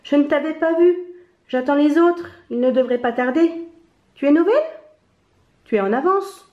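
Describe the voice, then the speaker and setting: A busy little storybook mouse, played by a woman, high and brisk, a little bossy but kind. Her voice sits in a roomy, slightly muffled space. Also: close to an everyday voice. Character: small busy female mouse, brisk and kindly. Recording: roomy, slightly dull home recording.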